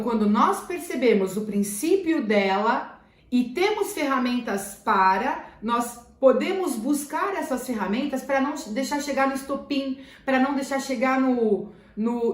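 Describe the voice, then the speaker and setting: A woman's voice: on the high side, lively intonation, measured pace. A woman teacher with a Brazilian Portuguese accent talks earnestly to parents and repeats key phrases for emphasis. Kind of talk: talking to parents. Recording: roomy echo.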